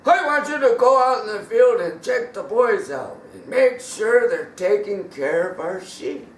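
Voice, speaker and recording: A gentle older father gives slow, caring instructions, as a man plays him. The voice is high and sounds distant in an echoey room. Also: lively intonation, slight background noise. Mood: fatherly.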